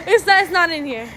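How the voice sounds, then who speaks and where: Young woman friend, high voice, blunt teasing banter, picked up on a noisy street. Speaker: friend of the vlogger. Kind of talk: casual chat. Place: outdoors in a city, walking. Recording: noisy outdoor street recording. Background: street and traffic noise.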